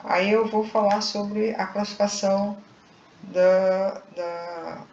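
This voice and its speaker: A woman's voice: mid-range voice, level tone, slow, darkish tone, slight background noise. A woman teacher giving a recorded online grammar lesson, explaining patiently and checking in with frequent tag questions. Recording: echoey room, dull lo-fi sound.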